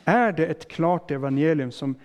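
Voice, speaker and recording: A man preaching a sermon as a pastor, explaining in plain words and putting questions to his listeners. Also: fairly high pitch. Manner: casual fillers and restarts.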